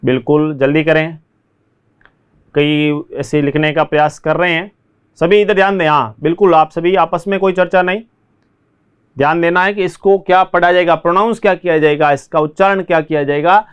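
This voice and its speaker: An Indian man with a Rajasthani Hindi accent, teaching an online spoken English lesson. He drills each word slowly and repeats it, then explains it in Hindi, and tells his students to write their answers quickly. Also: a little high, steady tone, clean tone.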